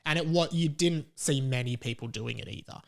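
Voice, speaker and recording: A young Australian man hosts a casual solo podcast. His voice sits a little higher than most men's. He talks in a rambling, conversational way, often repeating words for emphasis. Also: a little fast, creaky. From Melbourne, Australia. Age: 20s. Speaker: podcast host.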